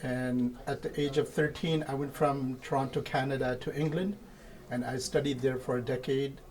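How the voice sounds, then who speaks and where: A man from India, an imam, answering interview questions in a measured way and laying out his points one by one. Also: medium pitch, steady tone, darkish tone. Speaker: imam of a mosque.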